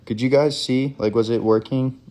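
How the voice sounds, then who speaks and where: A man's voice: medium pitch, fairly even intonation, moderate pace, mellow. A young man hosting a casual livestream from home on his phone, joking loosely and playfully. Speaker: livestream host. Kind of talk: casual chat.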